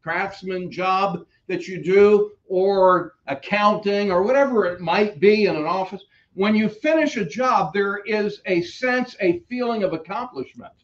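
An older man, a pastor with a New York accent, preaching a sermon in a church in a conversational, unhurried way, walking about near a pulpit mic. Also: high voice, highs cut off. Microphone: stand mic at pulpit, preacher moving about.

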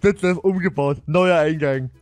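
A man doing terse, high-voiced Detlef. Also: moderate pace, a little mellow, no echo, faint music behind, lightly acted. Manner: terse one-word replies, chuckling. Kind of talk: Minecraft role-play.

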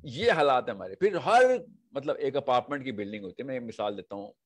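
A man's voice: medium pitch, quick pace. A man giving a religious lecture to an audience, telling stories vividly and asking rhetorical questions. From Pakistan. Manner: rhetorical questions and animated storytelling. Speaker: religious speaker.

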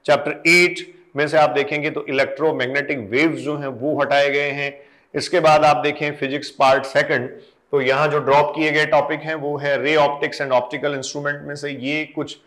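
A man's voice: fairly high pitch, a bit bright. A man, an exam coaching educator talking students through syllabus changes and reading out lists of deleted topics. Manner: addresses students directly, reads out topic lists.

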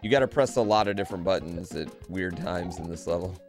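Low and brisk, this man of about thirty curses and throws out slang with excitement as he streams a game to his chat. He's at home indoors, right up on a desk microphone on an arm, while game music sounds in the background.

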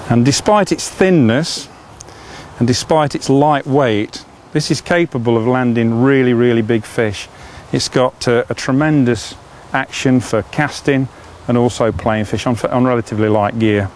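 Demonstrating fishing rods in a product demo, a middle-aged man talks with enthusiasm and frequent "uh" fillers. His voice is medium in pitch and a little slow, and there is slight background noise.

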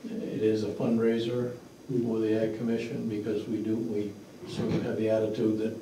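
At a public town meeting, a man running a fundraiser gives a blunt, matter-of-fact address in a mellow, monotone voice on the low side, at a moderate pace. The sound comes from a distant room microphone in an echoey mid-sized indoor meeting room, with slight background noise.

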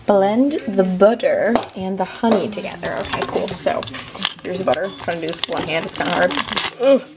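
A woman's voice: medium pitch, a little fast. A young woman casually vlogging at home on a handheld camera, bubbly and giggly. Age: young adult. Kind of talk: casual vlog chat. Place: home kitchen and bedroom, indoors. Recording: home camera with clear background noise.

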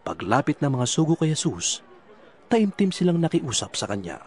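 A man's voice: fairly high pitch, sing-song, normal speed, darkish tone. A man reading a Bible narration, telling the story steadily. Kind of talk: scripted narration. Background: music.

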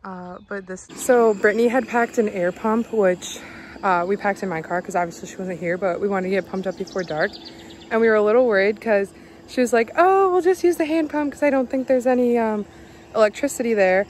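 A woman's voice: medium pitch, a little fast, darkish tone, slight background noise. A young woman chatting casually to a phone camera held at arm's length at a campsite, giggly and upbeat. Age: young adult. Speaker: vlogger. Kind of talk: casual vlog chat. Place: outdoors at a campsite.

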